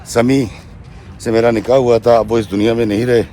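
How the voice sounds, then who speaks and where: A man's voice: mid-range voice, flat delivery, dark tone. A man narrating a true story to his viewers, retelling a woman's account in her own words and often adding "she says", and sometimes calling his listeners friends. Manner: addresses listeners directly as friends.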